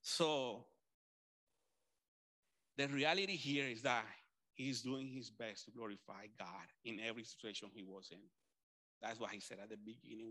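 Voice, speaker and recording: Bright-voiced Colombian pastor preaching. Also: male voice, mid-range voice. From Colombia, Caribbean coast. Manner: animated storytelling, frequent restarts and asides. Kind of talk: conversational sermon.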